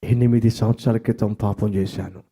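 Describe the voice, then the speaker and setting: A man's voice: lowish voice, steady tone, fairly quick, warm tone, slightly rough, voice pushed down. A man voicing a frightened young man who is crying and begging for prayer. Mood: panicked pleading. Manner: desperate, wailing pleas.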